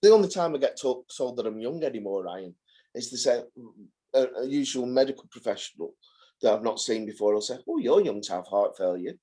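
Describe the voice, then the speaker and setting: A man's voice: mid-range voice, expressive, a little fast, warm tone. A man in his forties, a carer taking part in a support group on a video call, talking hesitantly and often repeating words as he restarts. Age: 40s. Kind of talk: casual group chat.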